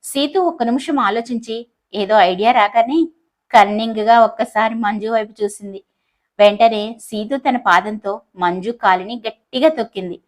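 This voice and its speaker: A woman's voice: fairly high pitch, moderate pace. Woman narrating a love story audiobook.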